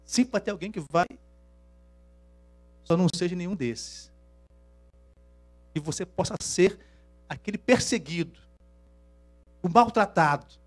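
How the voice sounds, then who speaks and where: A man from Rio de Janeiro, Brazil, with a Minas Gerais Portuguese accent and a voice on the high side, preaches a sermon to a congregation. He shifts from hushed asides to loud, slow, emphatic scripture reading.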